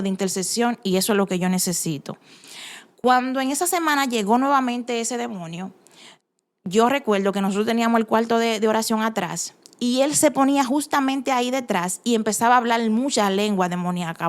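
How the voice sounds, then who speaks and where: A woman with a lilt recounts her own story of faith. Her voice sits at a middle pitch, and she speaks earnestly and with emphasis, circling back and restarting her phrases as she goes. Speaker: testimony giver. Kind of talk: personal faith testimony.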